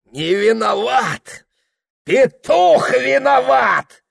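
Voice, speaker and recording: A man voicing an angry middle-aged merchant father who speaks harshly and wheezes his shouts. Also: very high-pitched, lively intonation, drawn-out words, gravelly, voice pushed up, exaggerated voice. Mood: shouting.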